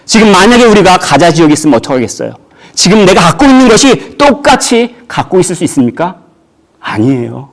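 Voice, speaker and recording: A man's voice: high-pitched, sing-song, quick pace. A man preaching a sermon as pastor in a church, asking the congregation rhetorical questions and raising his voice sharply when he acts out quotes.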